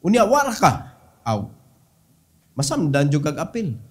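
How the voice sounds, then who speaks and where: High-voiced Cebuano pastor preaching. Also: male voice, huge pitch swings, measured pace. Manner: swings between loud exhortation and soft low asides, mixing English. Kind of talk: sermon.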